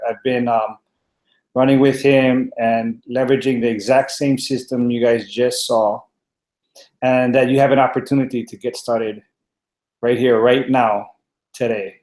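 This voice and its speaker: Man, 40s, from Hawaii, earnest webinar testimonial, middle pitch, echoey home-office sound. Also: steady tone, moderate pace, darkish tone. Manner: earnest, many fillers and restarts. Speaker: panel guest.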